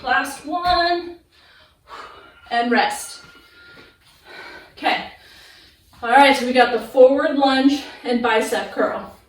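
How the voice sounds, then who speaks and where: A woman with a fairly high voice coaches a workout like a fitness influencer, giving clear form cues and encouragement. She speaks in slow, spaced-out instructions and counts. The recording is very echoey, as if in an open room. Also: a little hiss or hum. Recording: echoey room, distant microphone.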